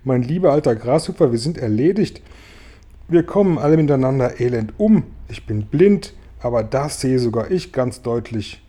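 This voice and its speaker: A man's voice: animated, a little fast, warm tone, close to an everyday voice. A man voicing a gloomy, complaining blind earthworm in a storybook reading. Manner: complaining, shrill outbursts. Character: gloomy blind male earthworm, shrill and whiny.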